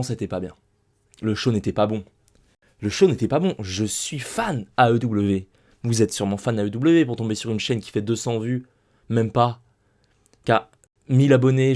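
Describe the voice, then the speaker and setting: Medium in pitch and darkish in tone, the young man's voice carries a casual wrestling show recap. He sits at home with a desk mic, ranting emphatically and hammering the same points again and again.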